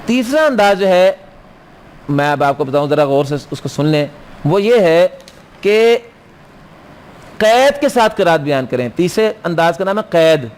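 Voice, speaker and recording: A man teaching Quran recitation rules in a classroom lecture, quizzing his students and answering his own questions, and slowly chanting Arabic verse lines. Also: sits high, big pitch swings, a little mellow, clear, resonant tone.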